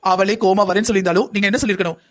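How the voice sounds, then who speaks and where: Fast heated man arguing in a cartoon drama. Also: high-pitched, fairly even intonation, fairly bright tone. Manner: heated, argumentative back-and-forth. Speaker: cartoon voice actor playing a whole family. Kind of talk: cartoon family drama voice acting.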